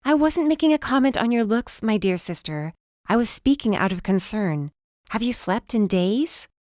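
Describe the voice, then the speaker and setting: A woman voicing a teasing, bossy adult sister with a brisk, needling manner in an audiobook. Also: mid-range voice, lively intonation, a little mellow, no echo, clean studio sound, voice pushed up, close to an everyday voice.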